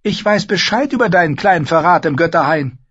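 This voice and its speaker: A man doing a high, imperious queen. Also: animated, a little fast, slightly rough. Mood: scornful. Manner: sharp, imperious and scornful. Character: cold, commanding queen, a grown woman. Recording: slightly dull lo-fi audio.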